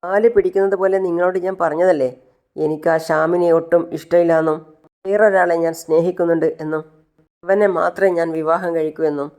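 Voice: mid-range voice, steady tone, a little fast, darkish tone, lightly acted. A storyteller voicing a young woman, forced into a marriage, who bitterly accuses her family in a sarcastic, resentful way.

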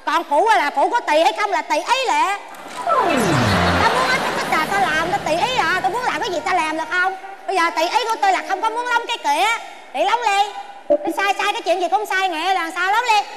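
A woman with a Southern Vietnamese accent playing a stubborn, sharp-tongued old wife who bickers with rapid comebacks in a comedy sketch. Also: very high voice, over a noisy crowd. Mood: bickering. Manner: quarrelsome, exclaiming, rapid comebacks. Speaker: comic actress. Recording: noisy background ambience.

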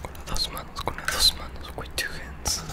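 A young man speaks in a breathy ASMR whisper, right up at a desktop condenser microphone. His fast whispering comes in quick bursts, with words and short phrases repeated over and over. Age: young adult. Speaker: ASMR video creator. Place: indoor room at home. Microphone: desktop condenser microphone, very close.

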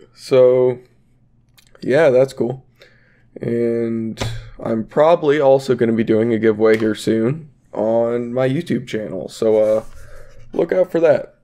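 Sitting at his home desk, a young man who sounds congested from a cold rips open trading card packs and rambles to his YouTube audience. His voice is mid-range with a dark tone, and his delivery is relaxed, meandering, and heavy on filler words.

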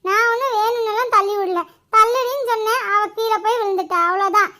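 A woman's voice: very high voice, fast, bright, forceful tone. A woman voicing a grown sister-in-law who is defiant, taunting and quarrelsome.

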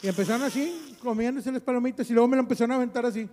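High-voiced clown telling a joke. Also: male voice, rapid-fire, in a large hall. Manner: lively, imitates other voices in his story. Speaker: clown comedian. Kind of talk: telling a comic story.

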